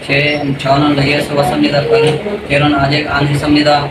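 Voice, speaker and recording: A man in his twenties recites his introduction with hesitation. He sounds distant in an echoey room, with loud noise all around. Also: fairly high pitch, completely flat delivery, normal speed. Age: 20s. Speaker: skill test candidate. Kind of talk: rehearsed self-introduction.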